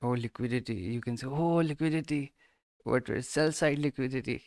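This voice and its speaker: A man's voice: mid-range voice, steady tone, brisk, no echo, studio quality. A man streaming live trades, muttering to himself and breaking into short exclamations as prices move. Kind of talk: casual live commentary.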